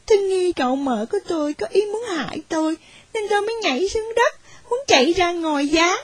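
A woman's voice: very high voice, animated, brisk. A woman voicing a poor, wronged young orphan woman who tells her story tearfully, in a storybook reading.

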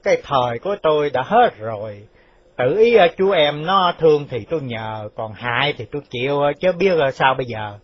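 A man's voice: medium pitch, moderate pace, lightly acted. A man voicing a frightened old male mandarin near sixty who pleads in a shaky voice. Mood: pleading. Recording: dull lo-fi dry recording.

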